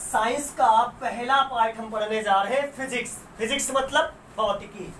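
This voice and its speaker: Recorded from a distance in a roomy space with faint noise, a woman teaches school science in a fairly high, slightly bright voice at normal speed. She quizzes her students, supplies the answers herself, and lengthens important words.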